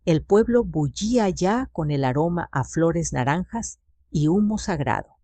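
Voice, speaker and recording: Low-pitched female storyteller, steady and even, reading a dramatic first-person tale. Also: unhurried, dry recording.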